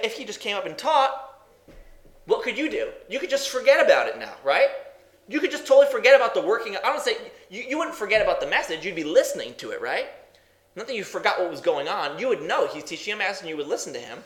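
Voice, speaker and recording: A man preaching a sermon in a conversational, animated way, asking many rhetorical questions. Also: sits high, reverberant.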